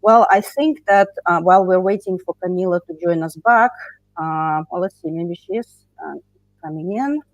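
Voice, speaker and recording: A woman's voice: lowish voice, normal speed, no echo, dull audio. A woman hosting a livestream panel over a video call, chatty, with many fillers and restarts. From United States. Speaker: livestream host.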